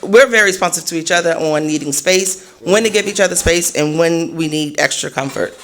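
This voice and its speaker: A woman's voice: fairly low pitch, a bit bright. A woman guest on a couples talk show, speaking bluntly and candidly in casual chat. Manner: blunt and candid, quick to laugh.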